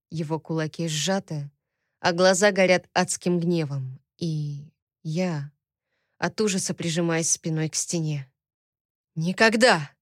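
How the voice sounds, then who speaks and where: A woman narrating an audiobook story in the first person, in a soft, tense and emotional way. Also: fairly low pitch, no echo, studio quality.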